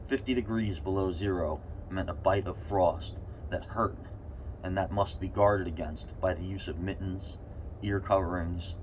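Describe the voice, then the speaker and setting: A man with a very deep voice reads a short story aloud while chilled in an ice bath. He phrases it deliberately, leaving pauses between clauses. A faint steady noise sits behind him. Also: rough recording. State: cold, sitting in an ice bath. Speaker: reader.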